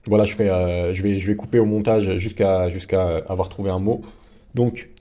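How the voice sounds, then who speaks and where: A man's voice: low-pitched, fairly even intonation, normal speed, warm tone. A man giving a casual screen-share tutorial as a video host, talking in a chatty way with many fillers and restarts.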